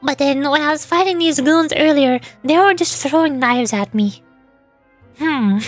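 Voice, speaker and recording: Her high voice moves a little slowly as she voice-acts with the game she's streaming. The commentary is light and playful, full of hesitant thinking out loud, set against the game's music.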